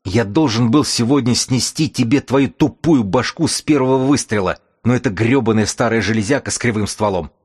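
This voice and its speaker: A man's voice: low voice, a little fast. A man voicing a vicious, wounded male raider chief who snarls and swears with spite. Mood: enraged.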